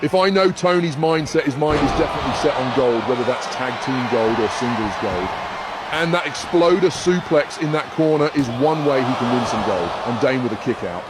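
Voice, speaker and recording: A man calling wrestling play-by-play, excitably naming each move as it lands. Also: mid-range voice, fairly quick. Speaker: play-by-play commentator. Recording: loud arena crowd and noise behind.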